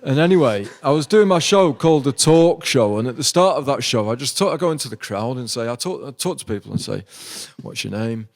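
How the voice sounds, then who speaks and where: A man's voice: medium pitch, animated, fast talker, few pauses. A man, a podcast guest rambling through self-deprecating anecdotes in casual chat. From Yorkshire, England. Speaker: podcast guest, comedian-poet.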